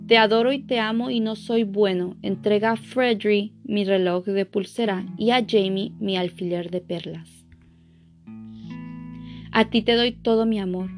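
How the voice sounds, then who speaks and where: Woman reading a book aloud, gravelly voice, earnest with small stumbles, guitar music underneath. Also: medium pitch, fairly even intonation, measured pace. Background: soft guitar music.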